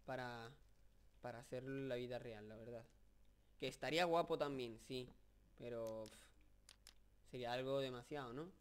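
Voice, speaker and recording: A young man with a Spain Spanish accent giving casual, rambling video game commentary, joking and excitable, with many fillers. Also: medium pitch, normal speed, long pauses, smooth. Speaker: gameplay commentator.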